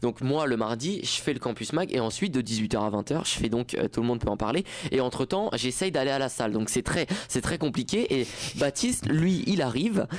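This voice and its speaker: Brisk and animated, with hardly a pause, a young campus radio host rambles casually in a mid-range voice. The studio mic recording has no echo, and he keeps restarting and using fillers.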